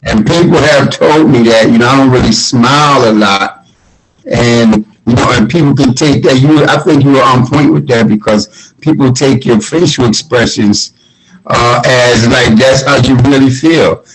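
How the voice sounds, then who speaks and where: A man's voice: mid-range voice, moderate pace, breathy edge, poor audio. A man who owns a shop, sharing reflective, conversational thoughts with many fillers during a video call discussion. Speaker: shop owner, attendee. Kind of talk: casual discussion.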